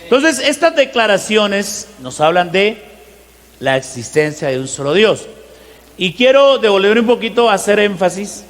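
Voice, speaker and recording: A man preaching a teaching sermon, who asks the congregation rhetorical questions and slows down to stress scripture verses. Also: high-pitched, very animated. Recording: long hall reverb.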